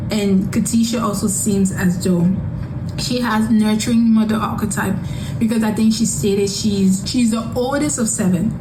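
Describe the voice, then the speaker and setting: A woman hosting a dating-show review, giving blunt, opinionated commentary and repeating her points for emphasis. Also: mid-range voice. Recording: roomy sound with background noise.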